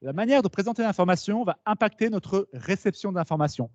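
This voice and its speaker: A man giving a lively conference talk to students, explaining with asides and questions to the audience. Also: sits high, fairly quick, no echo. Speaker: speaker at a talk. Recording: dull, slightly lo-fi meeting recording.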